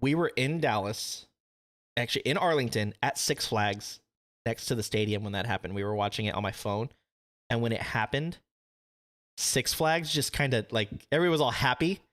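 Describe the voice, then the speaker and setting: A man's voice: mid-range voice, expressive, normal speed, fairly bright tone. Young male podcast host, mid-range voice, loose and jokey, curses a lot. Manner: laughs often, swears casually. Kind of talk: casual chat.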